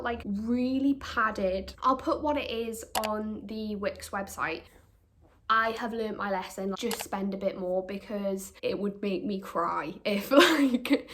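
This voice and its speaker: A young woman chatting casually to camera in a living room she is painting, full of fillers and casual swearing. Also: medium pitch. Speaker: vlogger.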